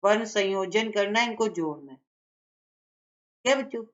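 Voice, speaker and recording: A woman's voice: medium pitch, normal speed, lo-fi sound. A woman teaching a children's lesson, patiently explaining each step.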